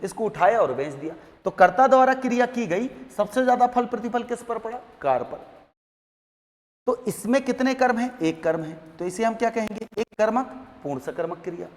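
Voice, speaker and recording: A man teaching a Hindi grammar class, asking questions and answering them himself. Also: high-pitched. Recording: long hall reverb.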